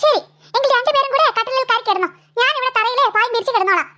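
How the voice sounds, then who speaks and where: A woman's voice: very high-pitched, rapid-fire, sharp tone. A woman voicing a tired, scolding mother of two girls in a cartoon. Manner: nagging, exasperated scolding.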